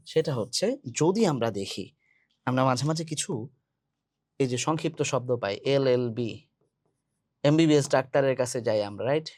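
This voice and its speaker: A man's voice: a little high, a little mellow, no echo, clean studio sound. A man teaching English grammar, explaining step by step and quizzing his students with questions. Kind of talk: classroom grammar lesson.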